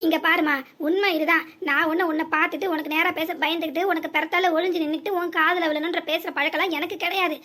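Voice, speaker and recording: Give me a woman playing a bossy old village mother-in-law in a cartoon, with a southern Tamil accent and a bright, piercing voice. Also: very high-pitched, steady tone, fast, hardly any pauses. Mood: indignant. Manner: scolding, long complaining rants. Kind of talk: cartoon voice acting.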